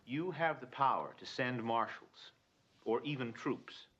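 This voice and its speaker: A man's voice: medium pitch, lively intonation, unhurried, husky, lo-fi sound. An actor playing a male civil rights adviser who speaks bluntly and urgently in a television drama. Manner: forceful, lecturing.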